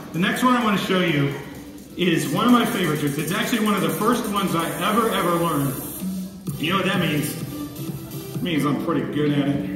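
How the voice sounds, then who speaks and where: Casting: male kids party magician, highish animated voice, mock-bumbling stage patter, heard in a very echoey hall with loud music. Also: recorded from a distance. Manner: playful kids party magician, feigned bumbling, coaxing the audience. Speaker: stage magician performing for an audience. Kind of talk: live comedy magic show patter.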